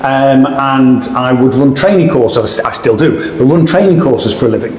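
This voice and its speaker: Middle-aged Sheffield man, podcast guest, halting restarts, long room echo. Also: mid-range voice, darkish tone, slight background noise. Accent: Sheffield English. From England. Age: 40s. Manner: frequent restarts and repeated words. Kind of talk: casual interview. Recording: echoey room with faint ambience.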